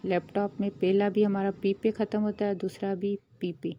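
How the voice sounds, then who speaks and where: A woman, the host of her own channel, who explains a grammar lesson in a steady, patient way and mixes English terms into her Hindi. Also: medium pitch, normal speed, muffled recording, slight background noise. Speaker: teacher.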